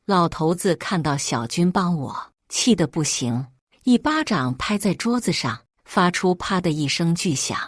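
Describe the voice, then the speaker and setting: A woman narrating a first-person family drama story in an emotive, expressive way. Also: fairly low pitch, unhurried, no room sound, studio quality.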